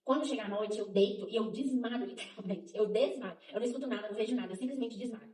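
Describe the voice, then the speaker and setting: Fast-talking woman, roomy distant mic. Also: medium pitch. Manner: animated, laughing often, restarts phrases. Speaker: co-host. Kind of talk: casual faith chat.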